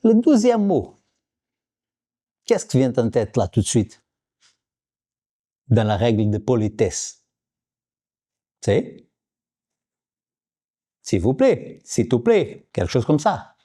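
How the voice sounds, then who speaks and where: A man's voice: medium pitch, very animated, takes it slowly, long pauses, mellow. A man from Portugal with a Portuguese accent, talking in a casual vlog and repeating words over and over as he teaches them. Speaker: vlogger. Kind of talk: casual language-learning vlog.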